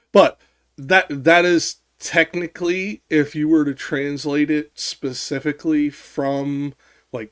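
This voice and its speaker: A man hosting a casual live-stream discussion who rambles, restarts his sentences, fills pauses with ums and swears now and then. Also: mid-range voice, no echo. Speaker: streamer host.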